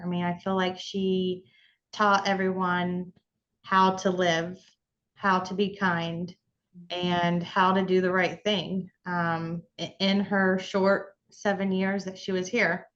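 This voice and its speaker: A woman interviewing a guest for a charity fundraiser, gentle and affirming. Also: lowish voice, dull audio. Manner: gentle, affirming, with short yeahs. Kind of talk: interview questions.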